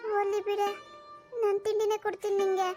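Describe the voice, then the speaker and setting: A woman voicing a chatty, caring schoolgirl friend in a cartoon, lively and sympathetic. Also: very high voice, brisk, soft background music. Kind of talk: cartoon voice acting.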